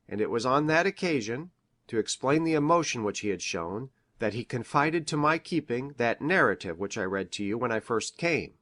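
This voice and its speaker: An actor playing an earnest, educated country doctor who recounts a tragedy in a formal, measured, precise way. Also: male voice, medium pitch, a bit bright. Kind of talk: dramatised classic mystery radio play.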